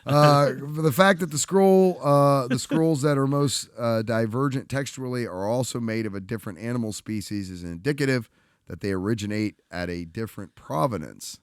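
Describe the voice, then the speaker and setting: A man co-hosting a podcast, reading news items aloud in a halting way. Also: medium pitch, smooth, no room sound, clean studio sound. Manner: halting reader with fillers and restarts. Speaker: podcast co-host. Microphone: studio podcast mic.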